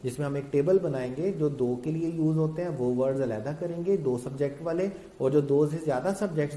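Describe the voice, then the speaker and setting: Male lecturer, mellow tone, patient question-and-answer teaching, roomy echo. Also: medium pitch. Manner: explains in a mix of Urdu-Hindi and English terms, asks and answers his own questions; addresses students as children. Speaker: English grammar teacher. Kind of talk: recorded classroom lecture.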